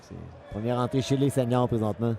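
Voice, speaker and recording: A man's voice: medium pitch, fairly even intonation, fast talker, warm tone, slight background noise. A man with a Quebec French accent giving live, unscripted boxing commentary, analytical and often repeating his phrases.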